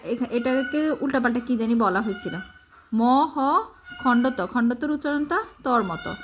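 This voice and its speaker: A woman's voice: on the high side, slight background noise. A woman teacher, reading a story aloud and patiently spelling out each word letter by letter for her pupils. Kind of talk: slow reading lesson, spelling out words.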